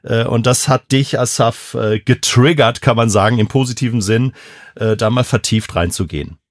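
A man's voice: mid-range voice, normal speed, no echo. A male podcast host with a mid-range voice leads a conversation in a friendly, somewhat hesitant way. He uses many fillers. The recording is dry and close, with no room sound.

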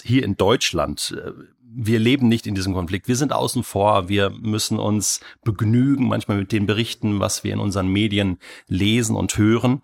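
A man hosting an interview podcast, introducing his guest and asking questions in a measured way. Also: on the low side, vocal fry. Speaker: podcast host.

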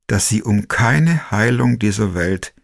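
A man narrating a personal story in the first person, slow, quiet and reflective. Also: lowish voice, expressive, vocal fry.

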